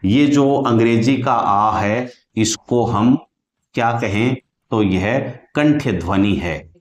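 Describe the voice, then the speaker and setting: A man teaching a Hindi grammar lesson for exam prep, speaking deliberately and repeating each sound aloud, pausing on thinking fillers. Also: medium pitch, echoey room. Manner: addresses listeners as friends, with thinking fillers.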